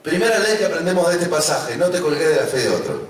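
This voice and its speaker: Emphatic pastor with a River Plate accent, heard in a roomy church. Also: male voice, on the high side, expressive, fast talker, faint music behind. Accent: Rioplatense Spanish. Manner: emphatic preaching with congregation call-and-response. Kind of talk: sermon. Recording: echoey church hall from far off.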